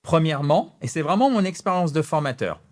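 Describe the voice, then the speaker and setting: A man with a French accent, an English teacher giving a direct-to-camera lesson in a lively, chatty way with self-mocking asides. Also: on the high side, fairly quick.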